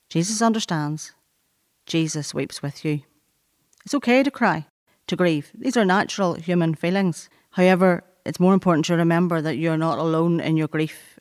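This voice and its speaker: A woman speaks into a studio microphone in a clean, resonant voice, and the sound is dry and close. She reads a scripted devotional reflection in a gentle, earnest and measured way. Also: low-pitched, dry recording.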